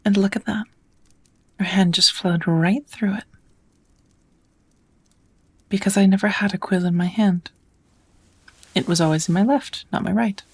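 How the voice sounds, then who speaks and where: With a breathy, medium-pitched voice, she plays a patient, kind witch instructing in magic, gently and a touch formally. The ASMR roleplay stays soft, often dropping to a whisper, and her mood is gently instructive.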